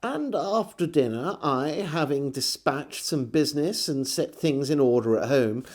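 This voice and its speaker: Taking the role of storyteller and host, an English man with a higher, darkish voice gives a measured, theatrical scripted reading, introducing an old diary and narrating from it.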